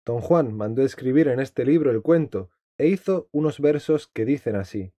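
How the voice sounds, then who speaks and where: A man narrating an old fable in an even, formal audiobook reading. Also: medium pitch, normal speed, no room sound. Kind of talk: scripted narration. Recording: dry, slightly dull lo-fi.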